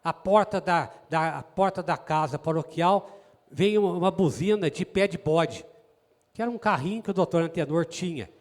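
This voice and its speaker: A man's voice: a little high, normal speed, long reverb tail. A man, a guest telling stories in a chatty, folksy way with many asides to his listeners. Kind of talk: storytelling in an interview.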